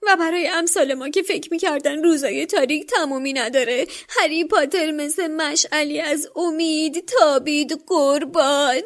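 A woman voicing a small, wretched male house-elf who wails, squeaks and stammers in a tearful frenzy, in a dramatic book reading.

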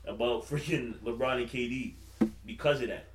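A man's voice: mid-range voice, moderate pace, distant mic. A man hosting casual sports banter in a slangy, profane, frat-bro teasing manner. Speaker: podcast host. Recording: roomy, off-mic, faint noise.

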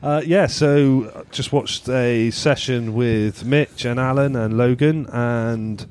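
A man's voice: medium pitch, takes it slowly, a little mellow, clear, resonant tone. A man hosting a casual chat show, joking and teasing as he talks. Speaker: podcast host.

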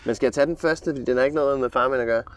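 A man in his thirties co-hosting a podcast, chatting casually and telling his stories with a dry, playful touch. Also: mid-range voice. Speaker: podcast co-host. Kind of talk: casual chat.

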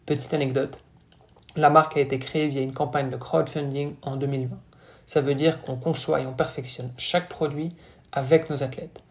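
Man reading a brisk sponsor spot. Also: medium pitch, flat delivery. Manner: brisk, smooth scripted delivery. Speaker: podcast co-host and brand founder. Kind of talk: scripted ad read.

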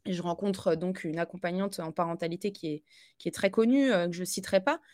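A woman speaking as a podcast guest in a loose, conversational way. She hesitates often, fills pauses and restarts her sentences. She laughs easily as she talks about her life. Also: fairly low pitch, a little mellow. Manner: chatty, halting, with many fillers and restarts. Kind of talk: casual conversational interview.

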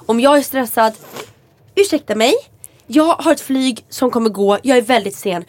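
A woman co-hosting a casual podcast, telling stories and acting out what people said. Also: a little high. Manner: animated storyteller, acts out quotes. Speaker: podcast co-host. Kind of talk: casual chat.

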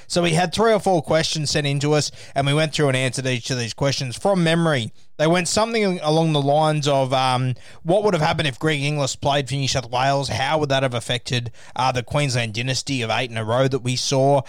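Man, Australian accent, monotone, casual podcast host, close dry recording. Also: medium pitch, a little fast, few pauses, clean tone, dry recording. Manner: monotone delivery.

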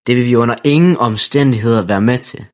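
A man voicing a stubborn, sensible young boy who flatly disapproves. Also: medium pitch, lightly acted. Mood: disapproving.

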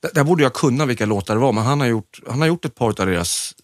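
A man's voice: medium pitch, expressive, no room sound, clean studio sound. A man with a Stockholm accent chatting casually as a podcast co-host. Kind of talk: casual chat.

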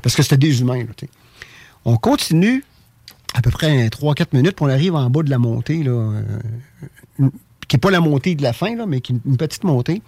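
A man with a Québécois French accent tells a personal story in a casual, animated way, stumbling over and repeating his words. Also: medium pitch, fairly quick, no room sound. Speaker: guest telling an experience.

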